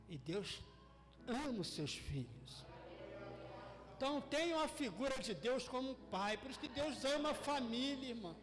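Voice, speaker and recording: A man with a high voice and a Brazilian Portuguese accent preaches fervently, jumping from shouted peaks to hushed asides. His sermon rings with a long reverb through a church hall, over faint music. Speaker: pastor. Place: church hall during a service.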